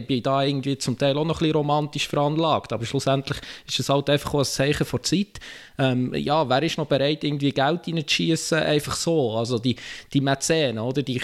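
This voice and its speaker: A man with a Swiss German accent speaks as a panellist in a casual discussion. His pitch is average, and he pieces his points together with hesitations and frequent tag questions. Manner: ends statements with tag questions, hesitant phrasing. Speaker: football panellist.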